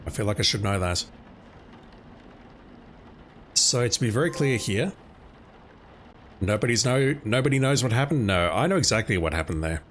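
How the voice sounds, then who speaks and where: Low-voiced man commenting on a game. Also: animated, normal speed, long pauses, fairly bright tone, a little hiss or hum. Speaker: game streamer. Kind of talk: casual playthrough commentary. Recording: faint game ambience behind voice.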